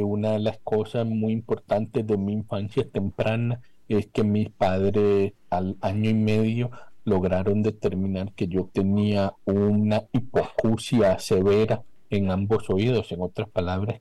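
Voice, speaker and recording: Low, dark-voiced Costa Rican guest. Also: male voice, little pitch movement, a little slow, dry recording, low-quality recording. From Costa Rica. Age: young adult. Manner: articulate, soft s sounds. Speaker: economist guest. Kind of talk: radio interview answers. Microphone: remote video call.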